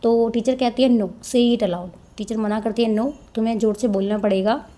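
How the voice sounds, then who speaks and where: Lady teacher explaining a story chapter, reads bits slow then explains in hinglish, kinda high soft mellow voice. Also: fairly even intonation. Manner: reads English lines slowly, then explains in Hindi-English mix; frequent tag questions. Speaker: English teacher. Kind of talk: explaining a textbook chapter, reading passages aloud.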